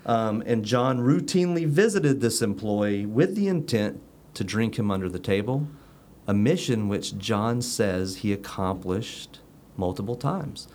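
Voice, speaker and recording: Low-voiced joking male host. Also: expressive, a little slow, few pauses, darkish tone, a little hiss or hum. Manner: joking, rambling with fillers. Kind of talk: casual chat.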